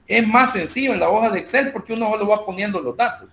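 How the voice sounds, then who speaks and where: This man has a high, gravelly voice, with slight background noise on the recording. Speaking with a Salvadoran Spanish accent, he teaches an online math class, going slowly through calculations and a spreadsheet step by step. His talk is full of fillers as he works through the numbers and software.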